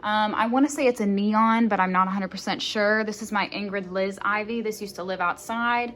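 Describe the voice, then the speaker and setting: A woman's voice: mid-range voice, fairly even intonation, brisk, a bit bright, a little hiss or hum. A woman vlogger giving a casual, upbeat tour of her houseplants around her condo, talking with lots of fillers. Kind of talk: casual home plant tour. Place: her condo, moving between indoors and outside.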